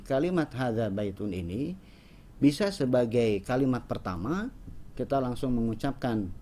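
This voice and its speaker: A man teaching an Arabic grammar lesson, explaining with lively intonation and frequent "ya" and "nah". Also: on the low side. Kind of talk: classroom lesson.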